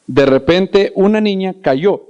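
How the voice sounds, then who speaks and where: Male preacher, slightly high voice, lively storyteller who acts out scenes. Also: slow, smooth, muffled recording. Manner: repeats words for emphasis. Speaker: preacher and Bible teacher. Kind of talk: storytelling sermon.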